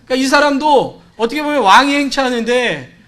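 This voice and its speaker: A man's voice: extremely high pitch, animated, a little fast, fairly bright tone. A man preaching a sermon in church, talking to the congregation in a conversational way and acting out the cries and dialogue of the people in his story. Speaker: pastor. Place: church sanctuary.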